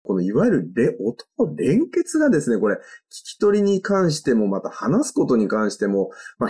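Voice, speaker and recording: A man's voice: medium pitch, warm tone, breathy edge. A male interviewer who sums up his guests' points in a polite, formal way. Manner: polite, summarizing.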